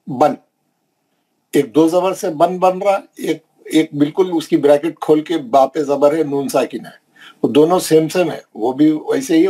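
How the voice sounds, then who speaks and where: A man teaching Quran recitation in an online class, drilling syllables slowly and checking in with his students. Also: fairly high pitch, mellow, husky, low-quality recording.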